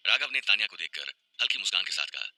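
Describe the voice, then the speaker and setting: Brief: man narrating a serial audio drama, suspenseful, somewhat low-pitched. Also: fast talker, faint music behind, poor audio. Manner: suspenseful, expressive.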